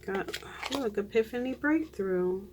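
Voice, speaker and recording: Chatty tarot reader doing a reading for viewers, loose and rambly, laughs a lot, middle pitch. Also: animated, a little slow, noisy background. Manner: chatty, trails off and restarts, laughs often.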